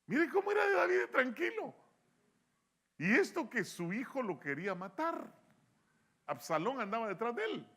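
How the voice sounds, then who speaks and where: Animated impassioned pastor. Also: male voice, very high voice, normal speed, long pauses. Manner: impassioned, rising to loud peaks, acts out quoted voices. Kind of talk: sermon. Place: church sanctuary.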